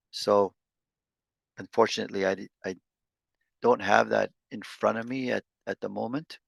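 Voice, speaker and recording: A man teaching an online language lesson over a video call, sounding out syllables slowly with many halting restarts. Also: fairly low pitch, creaky, no room sound.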